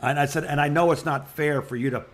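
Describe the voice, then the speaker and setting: Speaking fast in a steady, slightly high voice, this man in his sixties is a retired radio broadcaster now co-hosting a podcast. He tells anecdotes casually and rambles, repeating phrases and restarting, over slight background noise.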